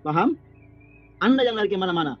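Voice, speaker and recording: A man's voice: high voice, lively intonation, fast talker, a bit bright, lo-fi sound, soft background music. A man in a heated online religious debate, stern and reproachful, repeating his points.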